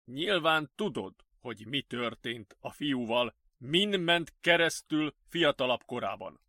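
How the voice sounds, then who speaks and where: A man voicing a calm male psychiatrist who speaks slowly and firmly, in an audiobook. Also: mid-range voice, no room sound, clean studio sound. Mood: reluctant. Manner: slow, soothing and firm. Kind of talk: audiobook character voice.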